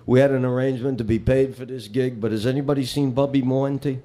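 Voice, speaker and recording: A man's voice: medium pitch, steady tone, fast talker, mellow. A man performing a live comedy set, telling bar jokes with rambling, wisecracking patter between them.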